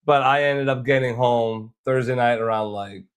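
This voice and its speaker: A man's voice: mid-range voice, steady tone, normal speed, smooth. Aggrieved man telling his travel story. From Boston. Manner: rambling, aggrieved, frequent restarts. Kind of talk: casual storytelling vlog.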